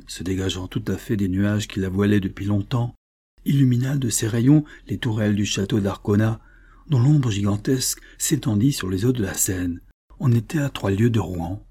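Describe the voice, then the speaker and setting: Low, husky male audiobook narrator. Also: warm tone. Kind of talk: literary audiobook reading.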